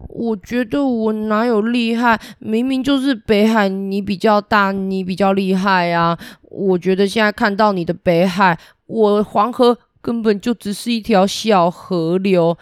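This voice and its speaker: A woman voicing a boastful male river god, who speaks in loud exclamations and stammers when he is astonished. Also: medium pitch, steady tone, unhurried, few pauses, smooth, no room sound, studio quality, lightly acted. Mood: flustered.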